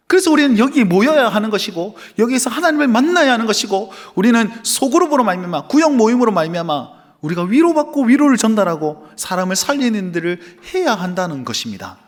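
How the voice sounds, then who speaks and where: Lively high-voiced preaching pastor. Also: male voice. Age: adult with young children. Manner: animated preaching, acting out dialogue. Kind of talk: sermon. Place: church sanctuary.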